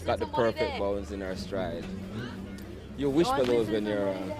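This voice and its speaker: A man's voice: lowish voice, measured pace. A man co-commentating live on a rugby match at an outdoor ground, playful and chatty. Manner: playful, chatty, laughs easily. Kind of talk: live sports commentary and chat. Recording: loud crowd behind.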